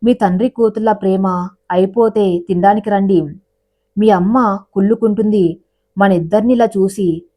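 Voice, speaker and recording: A woman reads a doting middle-aged father in a spoken storybook, proud and a little sulky. He talks to his daughter in an affectionate, coaxing way, with a mellow, unforced tone. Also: mid-range voice, steady tone, moderate pace, natural voice. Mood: tender.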